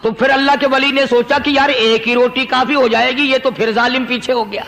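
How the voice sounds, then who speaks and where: A man's voice: extremely high pitch, fairly even intonation, creaky, bright, forceful tone, slight background noise, low-quality recording. A man preaching a storytelling sermon, impassioned and repetitive, rising into dramatic emphasis.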